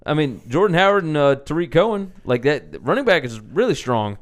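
A man's voice: on the high side, very animated, brisk. A man co-hosting a podcast in casual sports chat, running through records, odds and team notes. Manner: runs through stats and team notes, lots of "uh" fillers. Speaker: podcast co-host.

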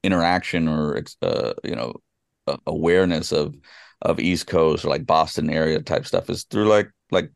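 Deep, gravelly man chatting loosely. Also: moderate pace, no room sound, studio quality. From California. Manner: rambling, many fillers and restarts. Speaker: podcast co-host. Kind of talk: casual chat.

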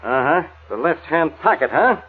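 An actor playing a blustering, easily needled police inspector, gruff and suspicious, in a 1940s radio detective drama. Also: male voice, on the high side, very animated, normal speed, full character voice. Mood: grudging, exasperated. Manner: gruff, suspicious, barking orders. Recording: muffled tinny old radio recording.

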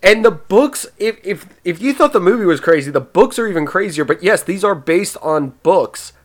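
Excitable man, fast rambling podcast host. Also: sits high. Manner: excitable, stumbling restarts, quick. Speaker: podcast host presenting the movie. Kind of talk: casual movie discussion podcast.

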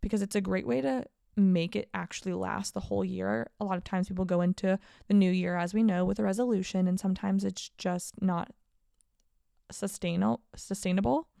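A woman in her late twenties hosts a casual solo podcast, talking candidly and upbeat about her year. Her medium-pitched voice is gravelly and dark with a steady tone and slightly fast pace, recorded dry at studio quality.

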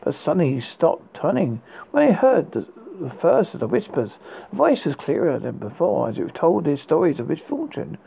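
A horror host reading dark gothic tales in a raspy, gravelly voice, dramatically but haltingly, with stumbles and repeated words. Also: mid-range voice, wildly swooping pitch, low-quality recording.

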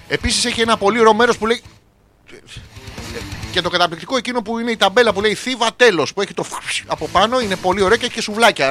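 High, bright-voiced crude radio host. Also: male voice. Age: 40s. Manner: crude, rambling, mocking, with sudden outbursts. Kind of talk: comedic radio monologue reading listener messages. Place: radio studio.

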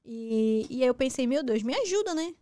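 Animated high-voiced Brazilian woman. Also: moderate pace, no room sound. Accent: Brazilian Portuguese. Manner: animated storyteller with frequent restarts. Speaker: guest. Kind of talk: casual talk show conversation.

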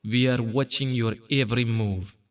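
A man speaking in a disguised deep voice, delivering an ominous, menacing line as a sound clip dropped into a podcast. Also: fairly even intonation, moderate pace, soft background music.

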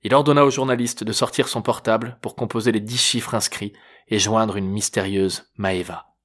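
A man narrating a novel chapter in a measured, even reading voice. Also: fairly low pitch. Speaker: audiobook narrator. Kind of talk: scripted narration.

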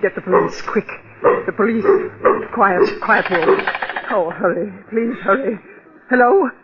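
A woman's voice: medium pitch, a little slow, lightly acted. An actress playing a hysterical woman, pleading in frantic panic for her life in an old radio horror drama. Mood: panicked pleading. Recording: noisy, muffled vintage radio recording.

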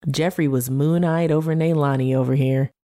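A woman's voice: deep voice, steady tone, normal speed, warm tone, close to an everyday voice. Brief: giggly old lady, teasing, voiced by a woman narrator.

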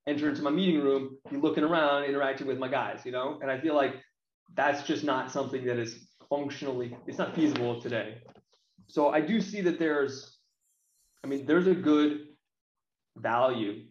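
Recorded in a roomy echo with slightly dull sound, this blunt, colloquial American man speaks at medium pitch. He's a games marketing professional giving his opinions casually as an interview guest.

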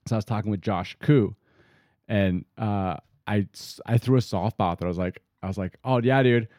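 A man's voice: lowish voice, steady tone, a little fast, warm tone, no room sound, studio quality. A man hosting a casual in-person chat, telling stories in a joking way and laughing often. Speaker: podcast host. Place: in person, indoors.

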